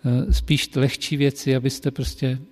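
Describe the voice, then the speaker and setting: Mellow-voiced male hairdresser telling stories. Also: medium pitch, long reverb tail. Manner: animated and lively when telling anecdotes, with frequent fillers. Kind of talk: casual personal storytelling.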